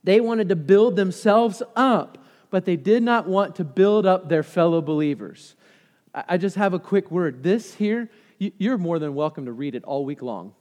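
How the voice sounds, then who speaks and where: A man's voice: high voice, animated, normal speed, a little mellow, long reverb tail. A man in his thirties preaching a sermon with passion, throwing questions out to the congregation. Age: 30s.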